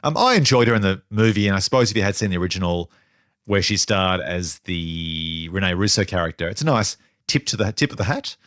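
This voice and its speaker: A man's voice: sits low, lively intonation, fairly bright tone, no echo, clean studio sound. A man co-hosting a movie review podcast, chatting casually and playfully with frequent laughs. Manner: playful, laughs often, quick asides. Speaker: podcast co-host.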